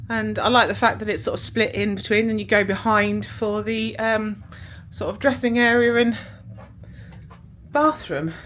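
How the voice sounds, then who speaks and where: Aboard a cruise ship, a British travel vlogger chats casually at normal speed in a medium-pitched, fairly bright voice. She rambles with many fillers while music plays clearly behind her, along with slight background noise.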